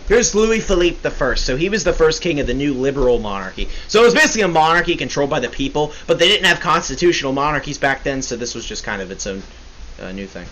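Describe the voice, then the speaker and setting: A man's voice: a little high, very animated, fast talker, a bit bright, rough recording. A young man hosting a casual history podcast, rambling and joking, often correcting himself. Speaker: podcast host. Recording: faint hiss.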